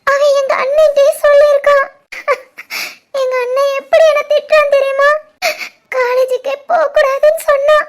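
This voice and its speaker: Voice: very high-pitched, little pitch movement, moderate pace. A voice artist playing a young college woman putting on sobbing in a cartoon. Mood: tearful. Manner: sobbing, pleading. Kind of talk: cartoon voice acting.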